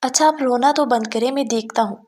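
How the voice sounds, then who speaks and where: A woman voicing a brusque young man who calms a frightened girl. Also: a little high, a little hiss or hum, lightly acted. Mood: firm. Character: young man, curt and protective.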